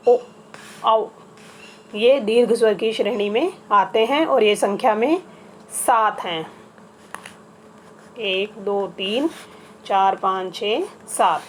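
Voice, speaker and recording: Explaining grammar to a group of children, a woman with a mid-range voice goes through each item patiently and slowly, repeating every one. A slight hiss or hum runs under the recording.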